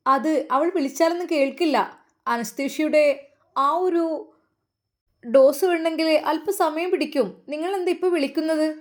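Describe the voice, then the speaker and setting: Woman doing a high, scolding hospital nurse. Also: normal speed, long pauses, lightly acted. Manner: scolding, curt and raised. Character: sharp, brusque female hospital nurse.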